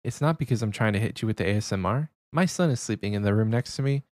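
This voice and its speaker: Low-pitched man, casual podcast co-host. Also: expressive, quick pace, no room sound, clean studio sound. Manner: talking quietly to avoid waking someone.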